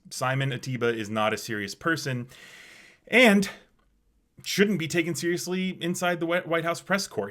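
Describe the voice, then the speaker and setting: A man's voice: medium pitch, sharp tone. Scornful man giving political commentary. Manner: scornful, emphatic. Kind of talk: opinion commentary.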